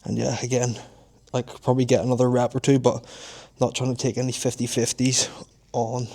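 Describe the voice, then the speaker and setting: Young guy chatting casually between lifting sets, pretty monotone, matter of fact. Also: medium pitch, brisk. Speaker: fitness vlogger. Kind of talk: casual training commentary.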